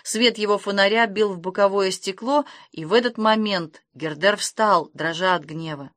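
A woman reading an audiobook aloud, expressive and lively in her storytelling. Her voice sits in a middle range and is recorded close and dry, with no room around it. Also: mid-range voice, normal speed, no room sound. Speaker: narrator. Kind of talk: audiobook narration.

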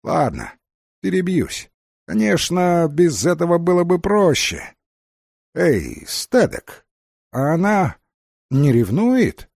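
A man's voice: on the high side, big pitch swings, slow, gravelly, long pauses, a little mellow, no room sound, studio quality, voice pushed up, exaggerated voice. A man voicing a coarse, domineering older woman, a cigar-smoking villainess, with a brusque, mock-coaxing manner.

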